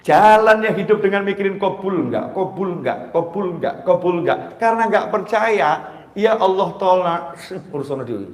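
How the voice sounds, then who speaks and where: A man preaching a sermon, switching between loud calls and hushed asides. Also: high-pitched, lively intonation, normal speed, echoey room. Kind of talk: Islamic sermon.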